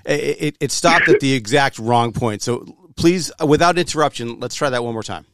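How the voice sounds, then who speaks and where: A man's voice: medium pitch, normal speed, fairly bright tone, no echo, studio quality. A man hosting a casual chat, joking wryly with a guest. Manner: wry, joking host. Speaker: host.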